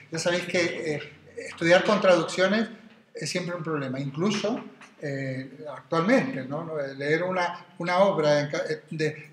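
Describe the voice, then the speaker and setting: A man's voice: on the high side, a bit bright. Man, philosophy teacher, digressive lecture, echoey classroom. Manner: digressive, questioning, many tag questions. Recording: echoey room with faint noise.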